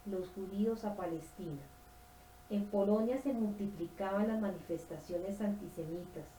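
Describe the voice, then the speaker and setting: A woman reading a nonfiction history book aloud at a steady pace, sometimes stumbling and correcting herself. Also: lowish voice, reverberant, slight background noise, poor audio. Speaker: audiobook reader.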